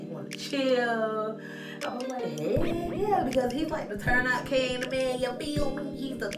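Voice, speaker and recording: A young Florida vlogger tells an animated, slangy storytime straight to her viewers from a small indoor bathroom, gesturing a lot and tossing in asides. Her mid-range voice comes from a phone on a stand at mid-distance, so it sounds off-mic and echoey, with faint music behind her.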